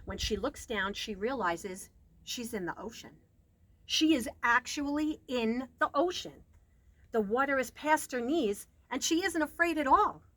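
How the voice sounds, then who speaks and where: A high-pitched woman reads a children's picture book at a measured pace, full of expression, with stressed words and varied dynamics. There's no room sound, though background noise is clearly audible.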